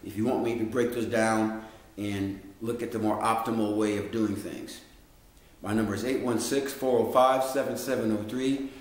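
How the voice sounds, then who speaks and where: A man's voice: fairly low pitch, steady tone, normal speed. A middle-aged man giving a folksy, direct educational talk as a health coach, calling his listeners "guys". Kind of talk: educational monologue. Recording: very echoey room.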